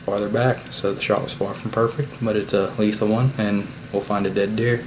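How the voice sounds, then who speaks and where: Male outdoors vlogger, flat and laid-back delivery, filler-heavy, noisy recording. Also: fairly low pitch. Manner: relaxed, unhurried, many "uh" fillers. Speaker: bowhunter and channel host. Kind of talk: casual hunting vlog talk. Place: at home after the hunt. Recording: steady background noise.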